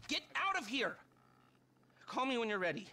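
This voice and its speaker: A man's voice: very high voice, big pitch swings, moderate pace, pushed and bright, slight background noise, full character voice. An actor playing a sardonic, scheming middle-aged male hacker who rants in profane bursts in video game dialogue. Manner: sneering, profane ranting.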